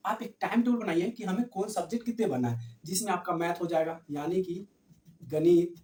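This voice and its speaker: A man's voice: sits high, brisk, darkish tone, recorded from a distance. Male teacher, quizzing students with repeated rhetorical questions; roomy echo, mic set back. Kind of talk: classroom-style exam revision lesson. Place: room with camera set back from the speaker. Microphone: distant camera mic. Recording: echoey room, voice from afar.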